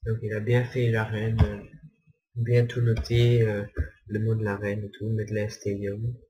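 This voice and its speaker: Young guy rambling over his gameplay, slow and flat, mellow low voice. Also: dull audio. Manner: rambling, hesitant, repeats himself. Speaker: gamer. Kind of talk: casual gameplay commentary.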